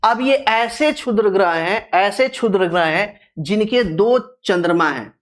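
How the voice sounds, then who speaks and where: A teacher at a middle pitch lecturing for exam preparation. Key terms are repeated and drawn out syllable by syllable. Questions are put to the class and answered right away. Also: lively intonation, unhurried. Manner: stretches out terms syllable by syllable for emphasis. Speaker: geography teacher.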